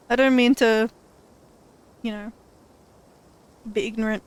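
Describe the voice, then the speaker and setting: A woman's voice: fairly high pitch, steady tone, slow, smooth. A woman streamer reading through a story game, with casual, giggly, self-deprecating asides. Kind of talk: game playthrough with read-aloud dialogue.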